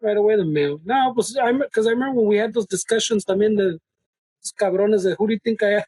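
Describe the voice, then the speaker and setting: A man's voice: sits high, fast talker, darkish tone, breathy edge, no echo, rough recording. A man co-hosting a podcast, trading brash, slangy banter full of swearing and switching between English and Spanish. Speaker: podcast co-host.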